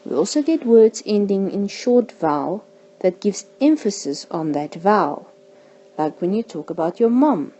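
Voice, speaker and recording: A woman teaching a language lesson, saying each example word slowly and carefully. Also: mid-range voice, sing-song, warm tone, poor audio. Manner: slow, careful pronunciation of example words.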